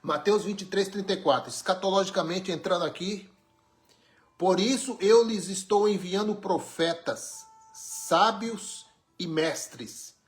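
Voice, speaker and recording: A man's voice: high-pitched, a little slow, soft background music. A man from Brazil, preaching an informal sermon with emphatic, wry rhetorical questions. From Brazil, born in Pernambuco, raised in São Paulo.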